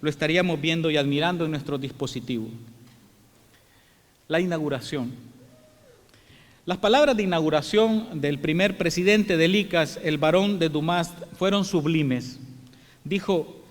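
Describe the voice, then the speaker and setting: High-pitched guy giving a welcome speech in a big echoey theatre, calm and reflective. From El Salvador. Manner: measured, reflective storytelling. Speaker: congress president giving welcome address. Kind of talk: formal speech. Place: large theatre hall. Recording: long hall reverb.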